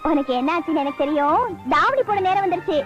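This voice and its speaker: A woman's voice: extremely high pitch, animated, lo-fi sound, music in the background. An actress playing a chatty, mocking village woman who fusses and scolds in a film comedy. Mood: fussing. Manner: quick-tongued, mocking, scolding. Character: chatty teasing village woman, bossy and fussing.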